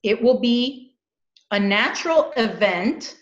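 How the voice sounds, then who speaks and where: A woman's voice: fairly high pitch, animated, slow. A middle-aged woman talking earnestly and animatedly in a casual spiritual chat, often repeating her words. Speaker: spiritual podcast co-host. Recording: echoey room, dull lo-fi sound.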